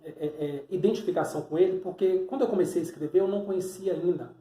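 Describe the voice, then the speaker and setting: A man's voice: high voice, fast talker, mellow. A man from Salvador, Bahia, preaching a teaching sermon, explaining symbols on a board step by step and posing rhetorical questions. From Salvador, Bahia, Brazil. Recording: echoey room.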